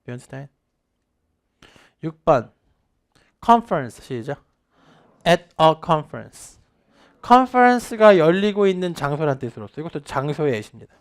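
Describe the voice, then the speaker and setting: A male teacher in his thirties giving a lively test-prep lecture with a fairly high voice. He drills short phrases and calls for repetition. He often jumps up or drops down in pitch and volume to stress a point. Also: smooth. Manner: varies pitch and loudness a lot for emphasis. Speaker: English teacher.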